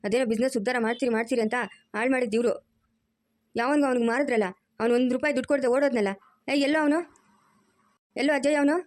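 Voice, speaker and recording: A woman's voice: a little high, steady tone, fast, pauses often, darkish tone, no room sound, clean studio sound, natural voice. A middle-aged woman playing a stern, wounded mother who scolds her family firmly in a home drama. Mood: stern scolding. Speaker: mother-in-law. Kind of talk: amateur family drama acting.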